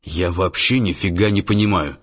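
A man's voice: low voice, normal speed, fairly bright tone, slightly rough. A man voicing an irritated male businessman who presses for answers. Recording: dull lo-fi audiobook, faint music.

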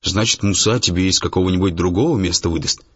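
A man voicing a reserved, calm male businessman who answers in a measured way. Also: deep voice, husky. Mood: guarded. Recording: dull lo-fi audiobook, faint music.

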